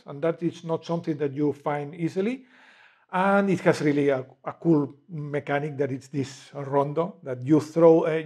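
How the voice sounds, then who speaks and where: Man, hesitant and halting. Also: fairly high pitch, dark tone. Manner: hesitant, many fillers and restarts. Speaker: game publisher guest. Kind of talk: casual interview. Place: cozy room with bookshelves, indoors.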